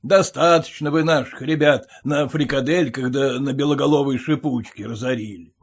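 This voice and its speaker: A man's voice: medium pitch, close to an everyday voice. A man playing a bossy, boastful merchant. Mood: domineering. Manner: gruff, domineering, deliberate. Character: bossy boastful middle-aged male merchant.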